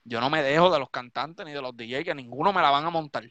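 A man's voice: fairly high pitch, fast, a bit bright, dry recording, dull audio. A Puerto Rican man, a DJ hosting a live stream, ranting drunk and swearing heavily. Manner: profane, heated, repetitive ranting.

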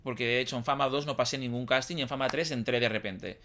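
A young man from the Valencia region with a Valencian accent, whose first language is Valencian, chatting casually on a podcast and telling a lively, slangy anecdote. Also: medium pitch, fast talker. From Valencia region, Spain. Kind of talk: casual chat, storytelling.

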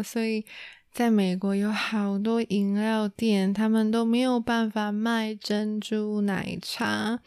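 A woman's voice: mid-range voice, darkish tone, clear, resonant tone, no echo. A woman from Taiwan, a native Mandarin speaker with a Taiwanese accent, hosting a casual bilingual language lesson and repeating key words as she explains. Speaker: Mandarin teacher and host.

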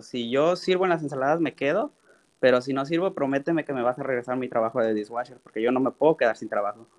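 A man, a guest in an interview, telling his story in a relaxed, animated way and acting out quoted dialogue. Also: medium pitch. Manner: repeats "literal" often. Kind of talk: casual storytelling.

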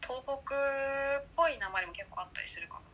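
Chatty woman from Hokkaido, bright voice, talk guest. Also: sits high, normal speed, a little hiss or hum. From Hokkaido, Japan. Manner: chatty, lots of agreeing "soso". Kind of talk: casual conversation.

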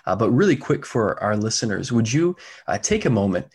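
A man's voice: lowish voice, sing-song, brisk, husky. A man hosting a faith podcast, eager and affirming, interviewing a guest over a video call. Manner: eager, affirming, with frequent fillers. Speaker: podcast host.

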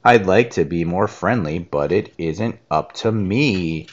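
A man voicing a glum, forever-pouting male fish in a children's storybook, with a slow, drooping sing-song refrain. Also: low-pitched, highs cut off, voice pushed down. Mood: gloomy.

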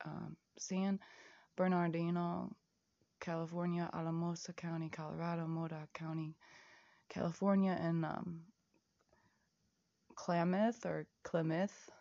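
Woman doing a low-key solo audio diary, gravelly voice, dull dry lo-fi sound. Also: level tone, unhurried, long pauses, mellow, no echo. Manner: rambling, reads out lists of places and prices; half-whispered at times.

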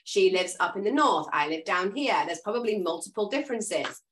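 An English woman hosting a casual video call for an association of dog trainers, chatty and expressive as she tells stories. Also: medium pitch, a little fast. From England. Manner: chatty, expressive storyteller, self-described loud and noisy. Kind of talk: casual chat.

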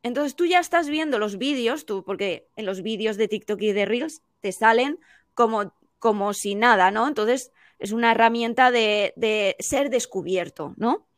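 Woman, higher voice, dry close sound; animated teacher giving advice as a podcast guest. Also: no echo. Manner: animated, explaining with quick examples. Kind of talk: casual podcast conversation.

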